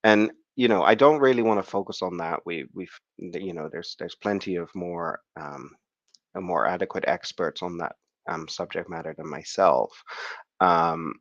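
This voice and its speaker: A low-pitched male academic, croaky from the flu, gives an online conference talk over a video call with a dull, dry sound. His delivery is halting and hesitant, with many fillers and restarts.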